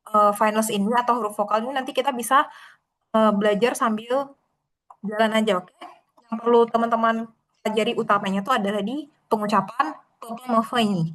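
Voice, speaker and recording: Mandarin tutor woman, patient and slow. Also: on the high side. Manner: patient, explains slowly, models tones in drawn-out syllables. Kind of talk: online class teaching.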